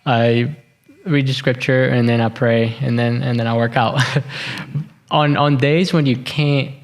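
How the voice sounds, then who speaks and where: A young man hosting a podcast, asking his guest questions in a halting way and repeating words as he thinks aloud. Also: mid-range voice, steady tone. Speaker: podcast host. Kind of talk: casual interview chat.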